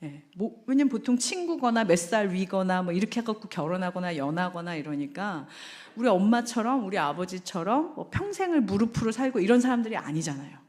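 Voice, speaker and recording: A woman's voice: mid-range voice, sing-song, a little fast, few pauses, darkish tone. A woman lecturing at a church marriage seminar, talking in a conversational way and asking the audience rhetorical questions.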